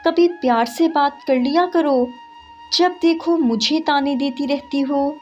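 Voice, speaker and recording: This is a poor, gentle husband from a village, heard in a storybook reading, as a woman narrator puts him on. He pleads softly and sounds fairly high. Soft music plays behind, and the audio is a little dull. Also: close to an everyday voice. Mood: pleading.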